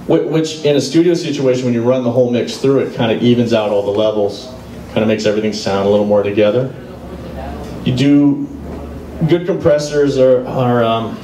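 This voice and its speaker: His voice lowish and dark, a middle-aged man talks casually through a live guitar clinic in a music store, explaining as he plays and breaking to demonstrate. He holds a handheld mic, and the roomy recording, made from a distance, carries some hiss or hum behind the guitar playing.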